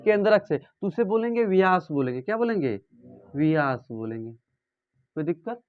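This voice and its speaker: High-voiced man teaching math in class. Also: very animated, moderate pace. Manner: asks students questions and repeats answers. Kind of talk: classroom lesson. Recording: dull lo-fi sound.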